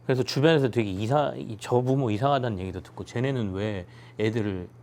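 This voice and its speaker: A man's voice: medium pitch, a little fast, darkish tone. A man talking thoughtfully on a talk panel about his own parenting. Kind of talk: casual chat.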